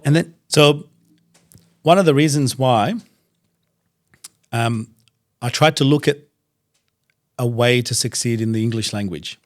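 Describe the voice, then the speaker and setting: A man's voice: medium pitch, measured pace, long pauses. Aussie-accent guy on a podcast, laid back, lots of ums, just chatting. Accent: Australian. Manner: relaxed, anecdotal, frequent fillers. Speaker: podcast guest. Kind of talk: casual storytelling interview.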